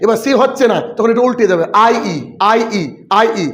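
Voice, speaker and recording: Male teacher, very high pitch, drills spelling rules in question-and-answer style. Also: normal speed. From West Bengal, India. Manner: repeats questions to students and answers them himself. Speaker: English teacher. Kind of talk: exam-prep spelling lesson.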